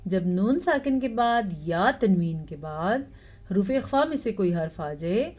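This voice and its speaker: A woman teaching Quran recitation, explaining pronunciation rules and reciting verses very slowly with drawn-out sounds. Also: mid-range voice, lively intonation, darkish tone. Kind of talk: tajweed lesson with slow recitation.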